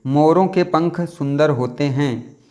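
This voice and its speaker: A man's voice: a little high, mellow. Self-correcting man teaching spelling. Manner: thinks aloud, repeats words and corrects himself; drawls words out slowly to spell them. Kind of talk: exam practice lesson.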